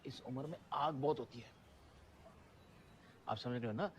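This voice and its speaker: An actor playing a meddling neighbour who gives crude advice in a sly, insinuating way. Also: male voice, mid-range voice, moderate pace, a little hiss or hum, close to an everyday voice. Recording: film scene with clear music.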